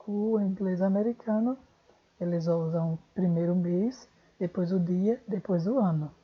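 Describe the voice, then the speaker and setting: A woman with a Brazilian Portuguese accent gives an online English lesson at an unhurried pace. Her voice is a little breathy, and she thinks aloud, often stopping to fix what she just said. The recording sounds dull and lo-fi. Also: lowish voice. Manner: thinks aloud, corrects herself mid-sentence. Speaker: English teacher.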